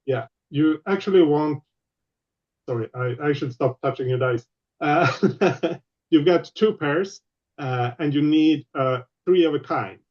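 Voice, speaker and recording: A man running a tabletop game online as game master, explaining rules patiently with many pauses. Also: on the high side, darkish tone, dull audio.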